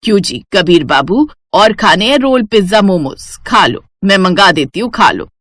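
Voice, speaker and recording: A woman's voice: low voice, normal speed, no room sound. A woman voicing a bossy but caring grandmother and mother-in-law in a Hindi cartoon, giving orders and scolding. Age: older. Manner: scolding, instructive.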